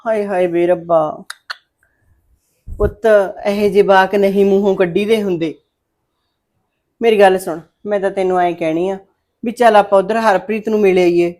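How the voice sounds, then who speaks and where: A woman's voice: mid-range voice, fairly even intonation, normal speed, lightly acted. A woman playing a worried, scheming village mother who scolds and coaxes her daughter in a family drama. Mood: coaxing, scolding. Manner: fretful, scolding, loud when calling out. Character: scheming middle-aged village mother, worried and sharp-tongued.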